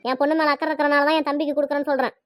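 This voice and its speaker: A woman voicing a stubborn, sharp-tongued middle-aged mother in a cartoon, arguing defiantly in Tirunelveli Tamil. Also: high voice, flat delivery, very fast, no room sound, studio quality. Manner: argumentative, defiant. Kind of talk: cartoon dialogue.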